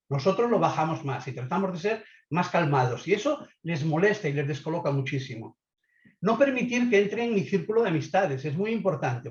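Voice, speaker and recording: Male webinar lecturer, measured and instructive, tags his points with quick checks, roomy and dull call audio. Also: on the high side. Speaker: webinar speaker on leadership. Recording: echoey, slightly dull online audio.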